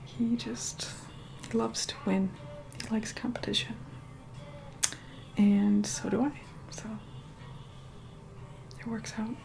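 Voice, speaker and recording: In a soft whispered ASMR roleplay, a woman plays an aloof, vain young vampire, dry, exasperated and mildly condescending. Heavily acted and unhurried with fairly even intonation, her voice mixes breathy whispering with a low murmur. Music plays behind the close whispering.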